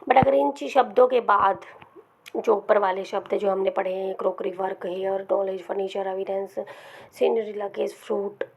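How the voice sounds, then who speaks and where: Gravelly-voiced woman teaching grammar. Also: medium pitch, fairly even intonation, normal speed, a little mellow. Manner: explains patiently with many repeated "ठीक है" checks. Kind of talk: Hindi-language grammar lesson with slides.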